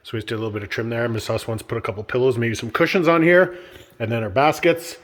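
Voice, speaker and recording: Fast-talking and medium-pitched, this congested vlog host chats upbeat about his build, laughing a lot. He's indoors at a workshop house being renovated, and the big room adds a long echo to the casual narration.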